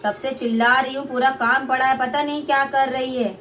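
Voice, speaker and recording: A young woman voicing a harsh, greedy older mother-in-law in a puppet play, shrill and scolding. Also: fairly even intonation, a little fast, fairly bright tone, a little hiss or hum.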